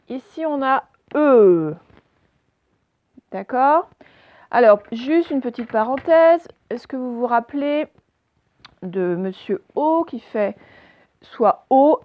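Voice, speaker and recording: Woman teacher, higher voice, slow careful diction, dry dull recording, asks and answers her own questions. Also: no room sound. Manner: slow, clearly articulated, asks questions and answers them herself. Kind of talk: recorded reading lesson for children.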